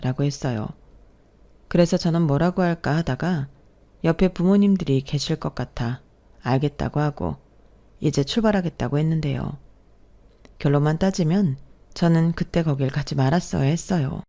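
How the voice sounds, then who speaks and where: A woman's voice: sits low, moderate pace, dark tone. A woman narrating a first-person story in a confiding storytelling manner.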